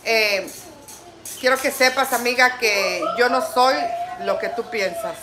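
An older woman's voice, bright and forceful, pitched a little high. She speaks firmly and lecturingly in a casual livestream chat, like a grandmother setting rules. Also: a little slow. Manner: firm, lecturing tone.

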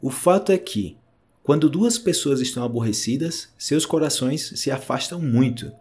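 A man with a Brazilian Portuguese accent voicing a wise old male thinker who calmly explains a lesson to his students. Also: mid-range voice, moderate pace, natural voice. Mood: earnest teaching.

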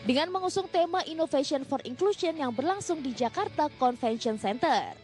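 A woman presenting a business news segment, reading a scripted voice-over in a bright, upbeat way. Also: high voice, animated, moderate pace, soft background music.

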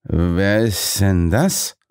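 A man's voice: on the low side, expressive, a little slow. A man voicing an impatient male politician who grumbles and whines sulkily. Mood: grumbling. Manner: whiny, sulky.

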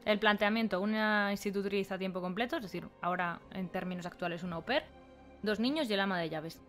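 Woman cohost, lively and opinionated, medium pitch, faint music under it. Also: fast talker. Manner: animated, opinionated. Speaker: podcast co-host. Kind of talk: casual chat.

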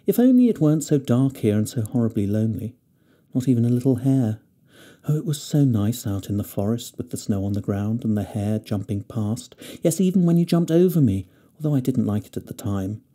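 A man voicing an anxious young fir tree full of longing, asking eager questions that rise in pitch. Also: lively intonation, normal speed, mellow, natural voice. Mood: lonely.

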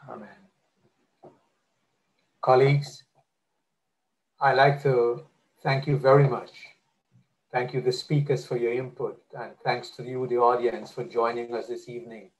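A man's voice: mid-range voice, little pitch movement, unhurried, pauses often, low-quality recording. A man hosting a webinar, thanking speakers and guests and announcing the next session in a courteous, plain way. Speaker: webinar host. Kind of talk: moderating a webinar.

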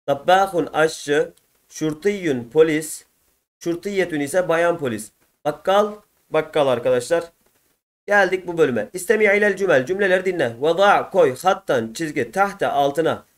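Male teacher, Turkish accent, slightly high voice, patient textbook walkthrough that repeats words for learners. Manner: explains patiently, repeats each word twice, addresses viewers as friends. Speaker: Arabic teacher. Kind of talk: textbook answer walkthrough lesson.

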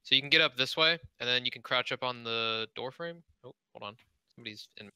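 Bright, smooth-voiced man giving game tips. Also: mid-range voice, fast, no echo. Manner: relaxed, explaining step by step. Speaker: playtester. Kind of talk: casual gaming voice chat.

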